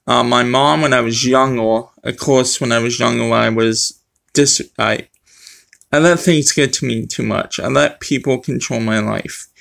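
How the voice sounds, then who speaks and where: Male vlogger, middle-aged, gravelly, speech impediment affecting R and W, rambling informal delivery. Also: mid-range voice, fairly bright tone. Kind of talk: casual talk to camera. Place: small room at home. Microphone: webcam or phone close to face.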